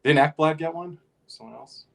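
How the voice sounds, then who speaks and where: A man's voice: a little high, normal speed, vocal fry, fairly bright tone. A man hosting a hockey podcast. He talks loosely and fills his speech with "you know" and "like". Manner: loose, filler-heavy, lots of "you know". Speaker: podcast host. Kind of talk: casual hockey podcast chat.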